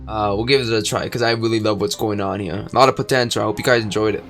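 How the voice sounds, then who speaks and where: Speaking fast and with fairly even intonation, this gaming YouTuber has a fairly low, slightly bright voice. He reads in-game text aloud during his playthrough and chats loosely, leaning on fillers, while soft music plays underneath.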